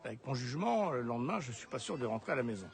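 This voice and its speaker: A man's voice: medium pitch, big pitch swings, racing, vocal fry. A middle-aged actor playing a cheerful, bossy father.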